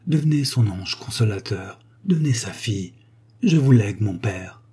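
As in a read-aloud novel, a man voices a frail, serene young girl on her deathbed, her speech faint and weakened and sometimes sinking to a whisper. His own voice is on the low side, warm and husky, animated, at a moderate pace.

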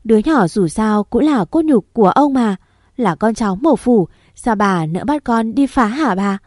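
A woman's voice: a little high, lively intonation, normal speed, darkish tone, dry recording, studio quality. A woman voicing a young pregnant servant woman who begs through tears, with a choked voice, in a storybook reading. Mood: pleading, tearful. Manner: choked, begging. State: crying.

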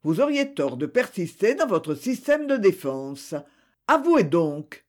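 A man's voice: sits high, sing-song, slow pace, full character voice. A man voicing a stern investigating magistrate who presses a suspect.

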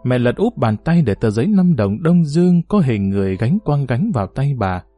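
Expressive male audiobook narrator. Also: mid-range voice, moderate pace, no echo, dull audio, faint music behind. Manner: expressive storytelling reading. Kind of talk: scripted novel narration.

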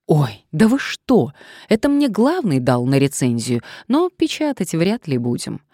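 A woman's voice: low voice, big pitch swings, unhurried, warm tone, no room sound, studio quality, full character voice. A woman reading an audiobook, voicing a chatty, exclamatory female editor.

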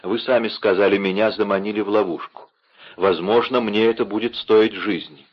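A man's voice: fairly low pitch, steady tone, moderate pace, husky, dull audio. A man playing a passionate, devoted young nobleman in an audiobook, speaking ardently. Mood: tender. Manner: ardent, impassioned.

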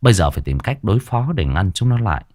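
A man's voice: lowish voice, big pitch swings, fast, darkish tone. A man narrating a ghost story audiobook in a dramatic storytelling manner. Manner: dramatic storytelling, voices the characters.

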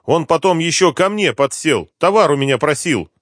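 A man reading an audiobook, voicing a frightened, whining male drug addict with a high, pleading voice. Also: lively intonation, moderate pace, fairly bright tone, dry recording, clean studio sound. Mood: agitated rambling.

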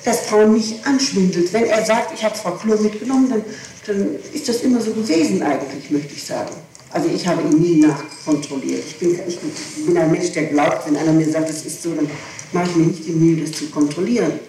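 In an echoey room, far from the mic, a woman with a fairly low, dark voice speaks quickly while answering police interrogation questions, insistently explaining herself. The archival tape sounds distant and echoey, with hiss.

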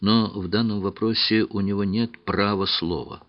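A man reading as a calm, sad young woman, speaking softly. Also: fairly low pitch, normal speed, lo-fi sound, close to an everyday voice. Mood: hushed, earnest. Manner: soft, hushed delivery.

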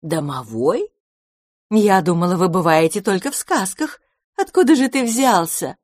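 A woman voicing a huge grey mother cat in a storybook, speaking in a drawn-out, insinuating way. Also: medium pitch, sing-song, a little mellow, dry recording, clean studio sound. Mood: sly.

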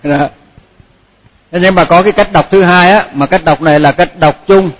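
A man teaching a Buddhist chant, repeating each syllable slowly and then explaining the pronunciation in casual talk. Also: sits high. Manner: slow, repeats syllables for pupils to echo. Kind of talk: chanting lesson.

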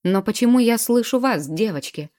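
A woman's voice: a little high, animated, normal speed, darkish tone, no room sound, studio quality, voice pushed up, close to an everyday voice. Woman reading as a stern barking male commander. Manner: barking orders.

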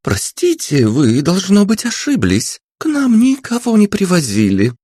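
A woman's voice: fairly low pitch, wildly swooping pitch, measured pace, mellow, breathy edge, dry recording, studio quality, pitched above the performer's own voice, exaggerated voice. A man doing a flustered young receptionist.

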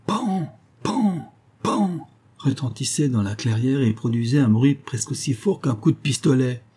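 A man voicing a frightened, boastful male miner who speaks in halting broken phrases. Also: dark tone, breathy edge, lightly acted. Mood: fearful. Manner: high, pitched up, halting broken speech.

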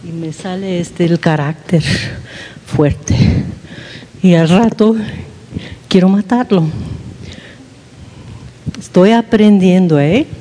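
A woman's voice: lowish voice, warm tone. Woman preaching in a reverberant hall. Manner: candid and self-mocking, checks in with listeners. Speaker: speaker at a women's church gathering. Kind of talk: informal sermon talk.

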